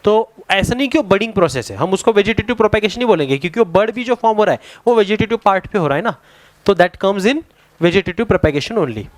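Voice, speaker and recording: A man with an Indian accent teaching a science lesson to a class, mixing two languages, pausing to search for words. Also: high-pitched, lively intonation, dry recording. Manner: explains in a Hindi and English mix, spells words out; halting, searches for words with many fillers.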